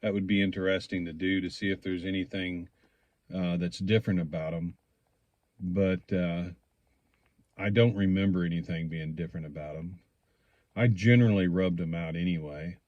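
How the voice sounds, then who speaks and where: A man giving a casual, rambling product review, speaking in a hesitant, unhurried way as he thinks aloud. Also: low-pitched, fairly even intonation, no echo, dull audio. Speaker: pipe tobacco reviewer.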